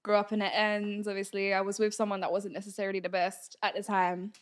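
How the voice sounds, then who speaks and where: A woman's voice: medium pitch, completely flat delivery, fast. A woman with a London accent, using urban slang in casual podcast conversation.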